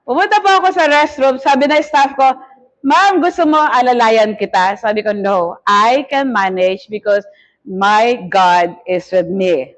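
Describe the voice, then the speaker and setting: A middle-aged woman bishop preaching a testimony sermon, telling her story with lively acted-out quotes. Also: high-pitched, moderate pace. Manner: animated storytelling that mixes Tagalog and English, with acted-out quotes.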